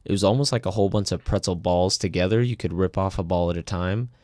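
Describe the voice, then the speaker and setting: A young man in his twenties with a low voice, telling rambling food stories in a casual podcast chat. He grows animated when he gets excited, and the close mic keeps the sound dry with no room around it. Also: quick pace, no room sound. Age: 20s. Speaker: podcast co-host.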